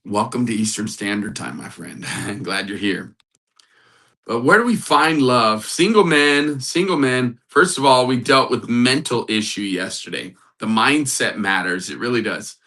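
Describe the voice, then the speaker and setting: A man's voice: medium pitch, animated, a little slow, pushed and bright, poor audio. A man hosting a casual live stream as a matchmaker, upbeat, greeting viewers in the chat and repeating motivational phrases. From United States. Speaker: livestream host and matchmaker.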